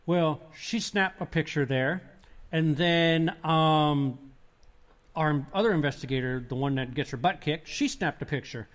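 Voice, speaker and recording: A man's voice: fairly high pitch, a little slow. A man, a paranormal investigator, telling his experiences in a casual podcast interview, rambling with restarts. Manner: rambling, restarts, animated retelling.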